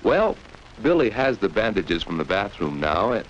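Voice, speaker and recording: A man narrates a 1940s educational film for children in a low, sing-song voice at a moderate pace, telling a story didactically and posing questions to young listeners. The film soundtrack is dull and noisy.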